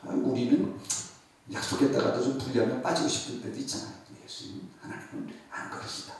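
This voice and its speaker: Echoey, far-off Korean pastor preaching. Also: male voice, medium pitch, fairly quick, slight background noise. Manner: swings between loud exclaiming and hushed near-whispers; acts out quoted voices in his story. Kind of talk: revival sermon.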